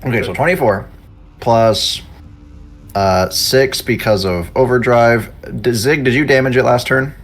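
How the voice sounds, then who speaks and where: A man playing in a tabletop game, chatty and fumbling his sums out loud. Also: mid-range voice, a little slow, soft background music. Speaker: player. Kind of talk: casual tabletop play.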